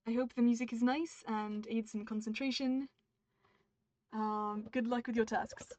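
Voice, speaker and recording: This British woman's voice sits on the high side, steady, measured and darkish as she streams her writing session, reading the draft and pausing mid-sentence to edit and chat cheerfully with viewers. A dull, muffled stream mic captures her.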